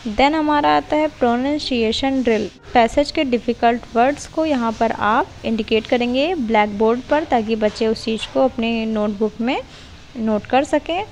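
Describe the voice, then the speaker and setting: Brief: young Indian-accented woman, tutor voice, slightly high with some fry, faint hiss behind. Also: a little mellow, rough recording. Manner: mixes Hindi and English, reads English lines slowly. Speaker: teacher-training tutor. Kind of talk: explaining a lesson plan step by step.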